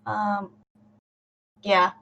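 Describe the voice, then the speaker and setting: A woman's voice: medium pitch, level tone, very slow, gravelly, pushed and bright, muffled recording. A young woman co-hosting a podcast, talking bluntly and swearing casually. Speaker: podcast co-host. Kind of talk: casual chat among friends.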